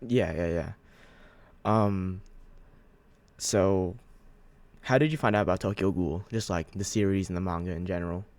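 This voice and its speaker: A man with a somewhat low voice hosts a casual interview, recorded dry and close with no room sound. He asks his questions in a rambling, hesitant way, restarting often. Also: normal speed, pauses often, darkish tone, no room sound. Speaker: host, interviewer.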